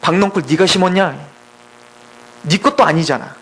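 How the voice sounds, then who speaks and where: A man voicing God, who rebukes a prophet in slow, reasoning words during a sermon retelling. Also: sits high, a bit bright, a little hiss or hum, voice pushed down, rough recording. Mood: rebuking. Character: God, patient stern father rebuking a prophet.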